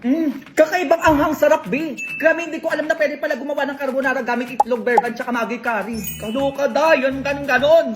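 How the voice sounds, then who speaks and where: A woman's voice: high-pitched, steady tone, brisk, few pauses, noisy background. A woman, talking through a cooking skit in a chatty, exclaiming way. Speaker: comedy skit creator. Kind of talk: scripted comedy skit.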